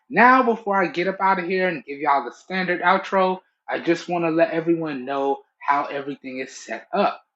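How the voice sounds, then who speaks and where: A young adult man, a tech reviewer and channel host, talks casually and emphatically to camera in a small indoor room. His voice is on the high side and fairly bright. He's chatty and often checks in with "okay" and "all right," recorded through a muffled, lo-fi Bluetooth earbud mic.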